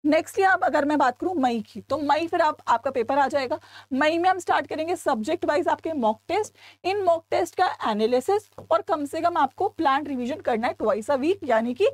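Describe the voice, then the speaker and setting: A young woman teacher with an Indian accent talks to her students in a high, bright voice, coaxing them along and dropping in English phrases. The sound is close and dry. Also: animated, moderate pace, no echo. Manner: chatty, coaxing, mixes in English. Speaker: online exam-prep teacher. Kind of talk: lecture to students.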